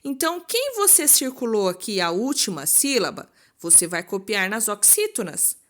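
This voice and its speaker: A Brazilian woman teaches a recorded lesson at a middle pitch, patient and explanatory. She stretches words out slowly to show which syllable is strongest. Now and then she puts on a pupil asking a question. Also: big pitch swings, a bit bright. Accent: Brazilian Portuguese. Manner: voices imagined pupils' questions.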